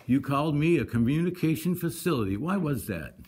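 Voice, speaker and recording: Fairly high-pitched and a little mellow, this man's animated voice moves a bit fast. He is a citizen pushing back on a code violation at a public hearing, arguing combatively and insistently with frequent repetition.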